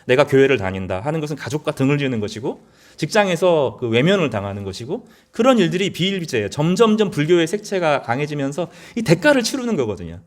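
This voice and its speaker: A man's voice: on the high side, big pitch swings, fast. A middle-aged male pastor giving a sermon in an earnest, conversational way, often rising to emphatic peaks.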